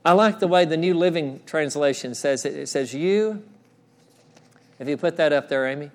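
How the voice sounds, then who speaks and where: A middle-aged pastor delivers an earnest sermon to his congregation in a church. His voice sits a little high for a man, and he often repeats his phrases. He drops to a soft, slow hush whenever he speaks the quoted words. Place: church sanctuary.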